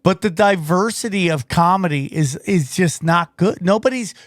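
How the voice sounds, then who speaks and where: High-voiced man ranting on a podcast. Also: moderate pace, no room sound, clean studio sound. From Armenian family from Turkey. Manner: animated, ranting, swearing freely. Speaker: podcast host. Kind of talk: casual podcast chat.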